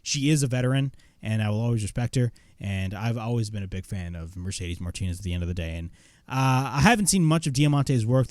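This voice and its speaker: A man's voice: on the low side, a little mellow, no echo, clean studio sound. A man reviewing a wrestling show in casual commentary, blunt, opinionated and swearing freely.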